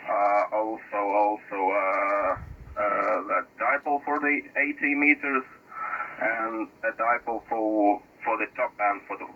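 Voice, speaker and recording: Crackly radio transmission, Lithuanian-accented man, amateur operator, hesitant delivery, lo-fi band, slight hiss. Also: lowish voice. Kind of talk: ham radio contact. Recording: dull, noisy shortwave radio signal.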